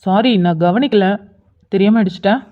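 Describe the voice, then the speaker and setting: A woman's voice: medium pitch, moderate pace, background noise, pitched below the performer's own voice, natural voice. A woman voicing a playful young male college senior who teases. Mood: teasing. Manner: playful, teasing. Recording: dull lo-fi sound.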